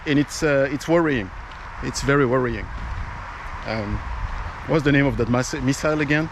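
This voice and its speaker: A man with a medium-pitched voice, not a native English speaker, hosts casual political commentary in English. He talks conversationally with many fillers and restarts, and there's noise in the background.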